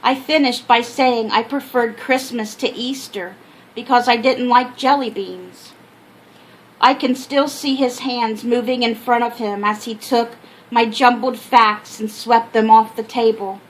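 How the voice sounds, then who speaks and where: An older woman with an American accent reading her own memoir aloud as an expressive storyteller. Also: on the high side, slight background noise, poor audio. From Minnesota, United States. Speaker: author telling her life story. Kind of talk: scripted memoir narration.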